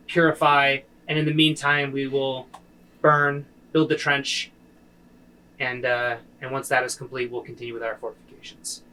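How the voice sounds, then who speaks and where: A man voicing an earnest, soldierly middle-aged village leader who speaks softly and haltingly. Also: fairly high pitch, smooth, rough recording.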